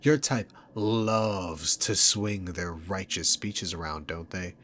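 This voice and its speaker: A man acts as a low-voiced demon king in an ASMR roleplay, drawling slowly and theatrically with a slightly bright tone. Smug and mocking, the dominant villain toys with his prey while speaking to the listener. Faint noise sits behind him.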